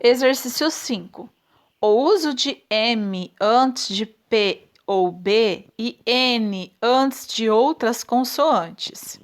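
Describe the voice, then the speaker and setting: A woman teaching children a spelling lesson, talking slowly and patiently. Her voice sits fairly high, and she stretches out each example word so it can be heard clearly. She keeps checking in with quick little questions. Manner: checks in often with tag questions.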